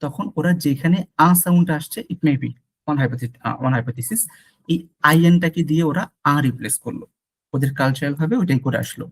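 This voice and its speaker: A man's voice: a little high, normal speed. A man teaching French pronunciation in an online lesson, patiently repeating sounds for his student. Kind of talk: online lesson mixing Bengali and English.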